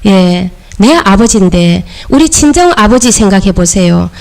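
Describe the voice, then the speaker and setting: A woman's voice: medium pitch, expressive, measured pace, vocal fry, a little mellow. Woman pastor mid sermon, middle-aged, pushy repetitive emphasis, urging the crowd. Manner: emphatic, repetitive, coaxing the congregation. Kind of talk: sermon lecture.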